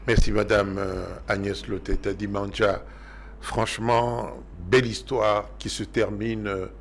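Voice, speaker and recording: A man's voice: on the low side, gravelly, slight background noise. A man hosting a TV interview, eager and encouraging toward his guest. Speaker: TV talk show host.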